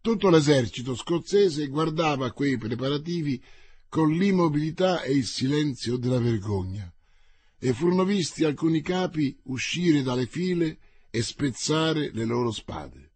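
Husky male audiobook narrator. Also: on the high side, expressive, a little slow, darkish tone, dry recording. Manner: dramatic, paced reading.

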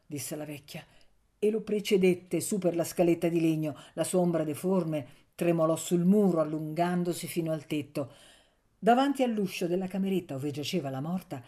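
A woman narrating a novel as an audiobook, reading in a steady, measured way. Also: lowish voice.

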